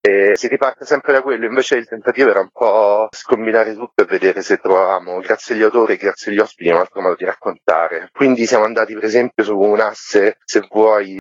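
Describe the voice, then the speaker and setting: A book series curator, interviewed on the radio, explains things colloquially with a wry, self-deprecating touch. His voice is lowish and the recording is dry, coming through a muffled, lo-fi remote link.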